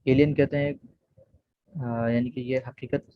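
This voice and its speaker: A man's voice: mid-range voice, little pitch movement, takes it slowly, dry recording. Man teaching English on a video call. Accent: Urdu. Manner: patient, repeats "theek hai" often. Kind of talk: online beginner lesson, explaining. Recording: dull, dry video call audio.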